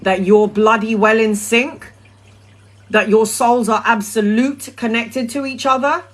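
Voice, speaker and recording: A woman's voice: fairly high pitch, fairly even intonation, measured pace, poor audio. A middle-aged woman chatting casually on a live stream, answering viewers' questions as a tarot reader in a blunt, sweary, rambling way.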